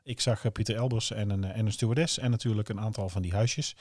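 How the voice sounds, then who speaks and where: A man's voice: on the low side, fairly even intonation, quick pace, darkish tone, no room sound, clean studio sound. A man from the southern Netherlands with a Brabant Dutch accent, chatting casually as a podcast co-host.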